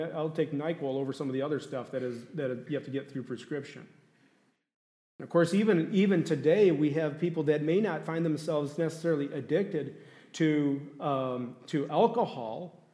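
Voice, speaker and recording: In an echoey room, a male pastor with a rather high, slightly mellow voice preaches conversationally, frequently putting questions to the congregation.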